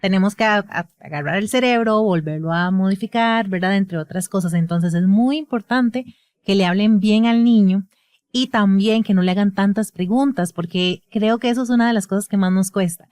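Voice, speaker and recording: A woman's voice: medium pitch, normal speed, darkish tone, no echo. Explanatory Costa Rican woman therapist. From Costa Rica. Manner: explanatory, tags sentences with a question. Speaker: speech therapist. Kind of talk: casual podcast conversation.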